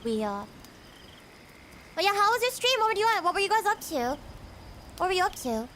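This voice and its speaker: Bubbly high-voiced woman streamer. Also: big pitch swings, normal speed, a bit bright, slight background noise. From United States. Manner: bubbly, giggly, reads and greets chat. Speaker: VTuber streamer and singer. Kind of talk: casual livestream chat.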